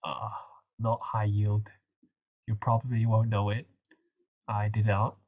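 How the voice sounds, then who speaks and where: Young man, nasal, husky tone, chatty and hesitant, revision tutor. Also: lowish voice, monotone, slow, phone-quality sound. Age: young adult. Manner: chatty, hesitant, many fillers. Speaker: medical student tutor. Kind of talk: casual revision session walkthrough.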